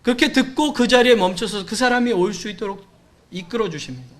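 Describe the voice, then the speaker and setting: A male pastor delivers a Sunday sermon in a church, with a noticeably high-pitched voice. He speaks to the congregation conversationally and slips into the voices of the people in his story to act out their pleas. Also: animated, fast, fairly bright tone. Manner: conversational preaching, acts out quoted cries and dialogue. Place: church sanctuary.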